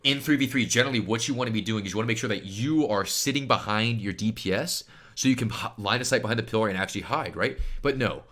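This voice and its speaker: A man giving animated commentary as he breaks down a recorded game match, switching between hyped bursts and quiet asides. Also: lowish voice, quick pace. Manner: animated, emphatic, swings between hype and hushed asides. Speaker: pro player and streamer.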